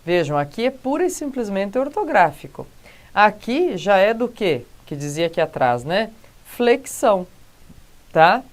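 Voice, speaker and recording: A woman's voice: mid-range voice, very animated. A woman with a Brazilian accent teaching a recorded grammar lesson, checking in with the class after almost every point. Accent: Brazilian Portuguese. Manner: explains slowly with frequent "tá?" and "né, gente?" check-ins.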